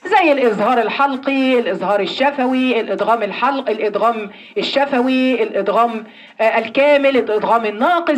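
Egyptian lady teaching a recitation class, high pitched, talks fast, demos verses slow. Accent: Egyptian Arabic. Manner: explains with questions she answers herself; demonstrates recitation slowly. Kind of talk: classroom lesson.

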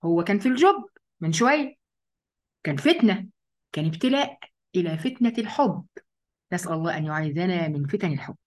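Fast-talking Egyptian woman teaching scripture. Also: lowish voice. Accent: Egyptian Arabic. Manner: lively, asks and answers her own questions; speaks directly to female listeners. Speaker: religious teacher. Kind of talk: Quran study lesson.

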